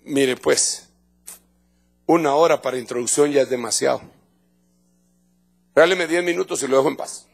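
In this church clip, the middle-aged pastor with a Guatemalan accent speaks at medium pitch and normal speed, his voice creaky with a breathy edge and marked by long pauses. He preaches an emphatic, conversational evangelical sermon, often repeating words and restarting phrases.

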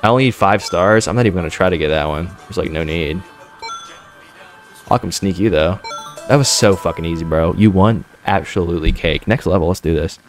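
A man's voice: low-pitched, a little fast, soft background music. A man streaming a horror game with scared, jittery reactions, repeating himself and speaking in profane, slangy commentary.

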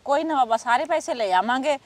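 A woman's voice: high voice, lively intonation, fast talker, no room sound. A woman acting a humble devotee pleading with a holy man in a comedy short film. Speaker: devotee mother.

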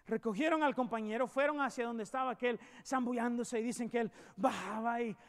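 A man preaching a sermon as a pastor, swinging from loud emphatic peaks to hushed storytelling. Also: extremely high pitch, fairly quick. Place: church sanctuary.

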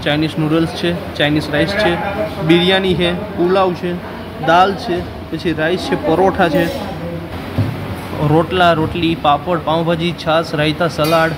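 A man's voice: a little high, background noise. A man in his thirties doing a casual food vlog from a roadside restaurant dining hall, chatty and listing dishes as he tastes them. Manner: chatty, calls viewers brother, lists dishes. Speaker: food vlogger.

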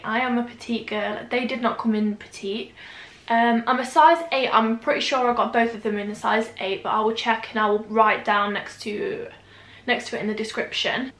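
A woman's voice: a little high, a bit bright, reverberant. A young woman, chatting casually and self-deprecatingly through a fashion try-on haul at home, rambling with fillers. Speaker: fashion vlogger. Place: indoor room at home.

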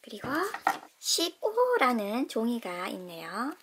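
With huge pitch swings and a slow pace, a woman with a slightly high voice unboxes a toy for kids, bursting with happy exclamations and describing each step in a sing-song manner. She hosts a toy unboxing channel, and the background is noisy.

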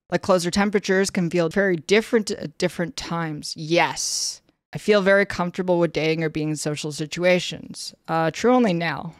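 A Canadian woman streamer with a fairly low voice reads a questionnaire aloud during a casual livestream from an indoor room with a streaming setup. Her delivery is flat and a bit monotone, packed with fillers, and the studio sound is clean with no echo.

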